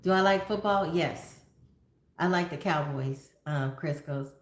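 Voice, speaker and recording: A woman in her fifties chats easily on a phone livestream, greeting viewers one by one and drifting into stories. Her voice sits fairly low, and the room gives it a clear echo. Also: unhurried. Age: 50s. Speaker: livestream host. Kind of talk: casual livestream chat reading viewer comments. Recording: echoey room.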